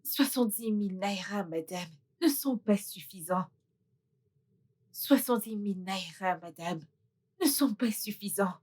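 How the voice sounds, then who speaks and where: An actress playing a firm female doctor who calmly refuses to help in a dubbed film. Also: mid-range voice. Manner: calm, slow and unmoved.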